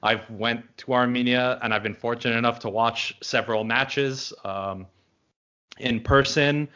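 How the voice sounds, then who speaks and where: A man from Los Angeles hosting a casual podcast, talking in a relaxed way with lots of fillers. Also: medium pitch, unhurried, smooth, dull audio. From Los Angeles, United States. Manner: relaxed, filler-heavy, friendly. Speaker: podcast host.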